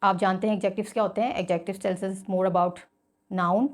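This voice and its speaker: A woman's voice: medium pitch, steady tone, normal speed. A woman teacher explaining a school English lesson, reading example sentences aloud and then explaining them in Hindi-Urdu.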